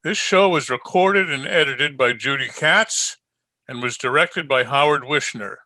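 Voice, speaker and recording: A man's voice: medium pitch, measured pace, bright, forceful tone, no room sound, low-quality recording. A man working as a radio announcer, reading scripted programme credits from a room at home. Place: indoors at home.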